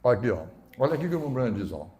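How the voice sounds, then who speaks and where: A man preaching a sermon, shifting between loud emphatic bursts and quiet low asides. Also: very animated, racing. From southern Brazil. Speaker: pastor.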